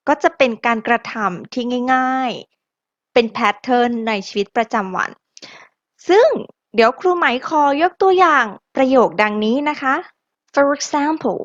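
A woman's voice: high voice, fairly bright tone, no room sound, dull audio. A woman teaching an English lesson, drilling pronunciation and having listeners repeat after her.

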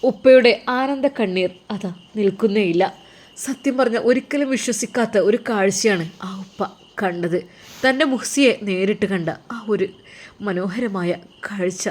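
Woman storyteller, emotive measured narration, middle pitch. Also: a little mellow.

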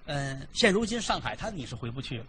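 A man's voice: mid-range voice, very animated, quick pace, fairly bright tone, slight background noise, pitched below the performer's own voice. A male storyteller voicing a fretful, protective old mother-in-law who coaxes and reasons in a chatty way. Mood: coaxing. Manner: coaxing, chatty, reasoning step by step.

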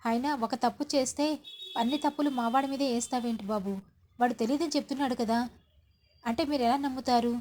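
A woman's voice: fairly high pitch, steady tone, fast talker, darkish tone, a little hiss or hum, natural voice. A woman voicing a mother indignantly defending her son. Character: protective mother of accused son.

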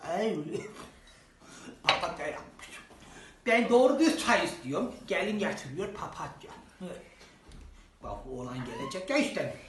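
A performer playing a grumbling old village mother-in-law in a comic sketch, low and drawling. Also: lively intonation, moderate pace, long pauses, recorded from a distance, a little hiss or hum, lightly acted. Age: older. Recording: roomy echo.

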